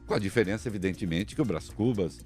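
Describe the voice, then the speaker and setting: A man from Brazil hosting an opinionated talk radio show, combative and sarcastic, mocking people with put-on voices and swinging from muttered asides to loud outbursts. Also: lowish voice, fast, soft background music. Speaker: radio commentator.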